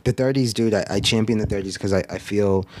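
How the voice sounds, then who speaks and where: Speaking a little fast in a lowish voice, this man in his 30s is a painter guest in a casual conversation. He's reflective and fills his speech with "like" and "um," recorded in an indoor studio with mic arms.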